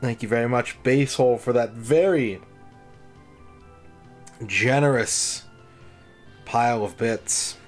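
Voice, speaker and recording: A man's voice: mid-range voice, slow, pauses often, faint music behind. A man streaming on a headset mic, chatting casually and greeting and thanking viewers one by one. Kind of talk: casual livestream chat.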